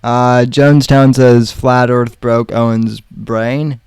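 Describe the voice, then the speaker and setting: Male co-host, very slow hesitant talk, smooth dry voice. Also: medium pitch, fairly even intonation, a little mellow, dry recording. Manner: slow, hesitant, many fillers. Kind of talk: casual chat on a call.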